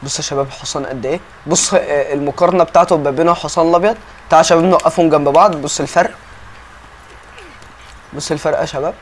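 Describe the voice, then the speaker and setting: Speaking quickly and a little high, a young Egyptian-accented man narrates his gameplay in a relaxed, talkative way. He's a gaming YouTuber who repeatedly addresses his audience, and there's slight hiss or hum on the recording.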